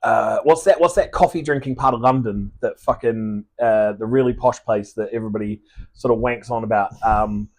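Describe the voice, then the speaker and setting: His voice sits fairly low and moves at normal speed. He's a podcast guest in his thirties from Australia, accent part Australian and part New Zealand, chatting casually, rambling, swearing, and restarting his thoughts.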